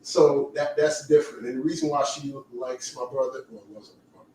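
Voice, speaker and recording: This Caribbean livestream host has a mid-range, dark voice with a light lilt and fairly even intonation. Talkative and teasing, he chats casually with the others, tossing in quick asides. The mic is distant, the room echoes, and there's a faint hiss or hum.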